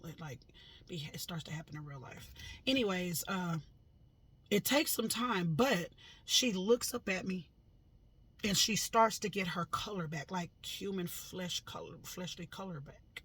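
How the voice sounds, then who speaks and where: Breathy woman telling a dream, animated. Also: fairly low pitch. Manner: animated, loud when quoting herself, many fillers. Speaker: vlogger recounting a dream. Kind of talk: casual storytelling.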